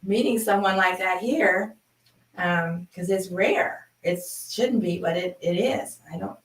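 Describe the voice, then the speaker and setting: A woman's voice: fairly low pitch, a little slow. Woman in her 50s just chatting away, telling a story, kinda far from the mic in an echoey room. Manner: chatty, animated, laughs while telling. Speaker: sound healing host. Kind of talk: personal storytelling. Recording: roomy, from a distance.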